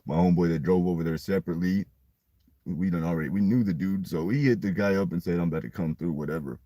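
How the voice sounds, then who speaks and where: A deep, husky man spins a rambling, profane story in a casual chat. His low voice has a rough, breathy edge. The sound is dry and close, with no room around it. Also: fast, no echo. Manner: rambling, profane, animated retelling. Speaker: podcast storyteller.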